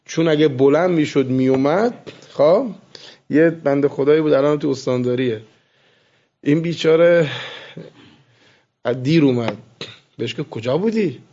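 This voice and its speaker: A man teaching seminary students, lecturing with animated storytelling and soft asides. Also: on the high side, pauses often. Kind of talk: classroom lecture with anecdotes. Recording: muffled lo-fi recording.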